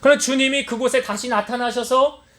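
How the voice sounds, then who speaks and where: A man's voice: very high voice, steady tone, a little fast, a bit bright. A man preaching a sermon as pastor to his church congregation, often asking them questions and then answering them himself. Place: church sanctuary.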